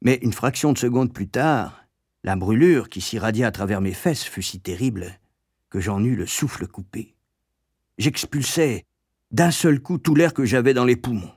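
A man narrating an audiobook in a measured, grave storytelling manner. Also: mid-range voice, darkish tone, slightly rough, dry recording, studio quality.

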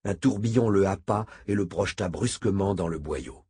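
A man narrating an audiobook in a measured, even reading. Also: sits low, husky, no room sound, studio quality. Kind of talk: scripted narration.

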